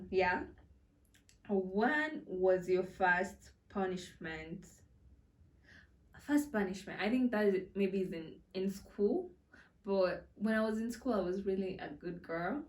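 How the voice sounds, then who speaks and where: A woman's voice: mid-range voice, darkish tone. Chatty, giggly woman vlogging. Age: 20s. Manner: chatty, giggly, with many fillers and restarts. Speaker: content creator. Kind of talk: casual storytime vlog. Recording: roomy echo, a bit far from the mic.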